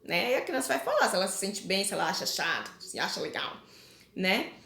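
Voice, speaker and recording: A woman's voice: mid-range voice, big pitch swings, fairly quick, gravelly, pushed and bright. A woman teacher with a Brazilian Portuguese accent, talking parents through the week's homework in a chatty way, often checking in with little tag questions. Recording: echoey room.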